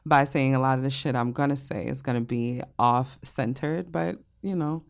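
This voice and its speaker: A young adult woman from Brooklyn co-hosts a podcast, chatting casually, laughing often and swearing freely as she tells stories. Her voice is rumbling low and gravelly, at a normal speed.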